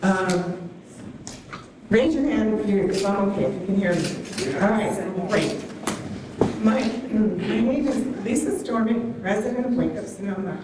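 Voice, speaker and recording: Standing at a town hall podium on a large hall's stage, a woman delivers an earnest, soft-spoken yet rousing speech in an unhurried, mid-range voice. A distant stand mic picks her up from afar, so the hall sounds echoey, with background noise present.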